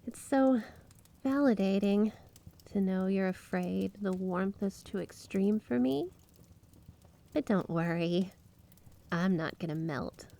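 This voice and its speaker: Slow and mellow, with creaks and long pauses, a woman's medium-pitched voice portrays a snow spirit wife in an ASMR roleplay monologue. The character is flirty and possessive, coyly teasing and doting on the listener with feigned innocence, her mood tender and reassuring.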